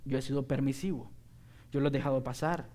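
A man's voice: mid-range voice, steady tone, brisk, dark tone. A middle-aged man preaching a sermon as pastor, earnest and emphatic, asking the congregation rhetorical questions.

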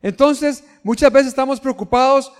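A man's voice: high-pitched, measured pace, in a large hall. A man preaching a sermon, speaking earnestly, questioning his listeners directly and building to emphatic peaks.

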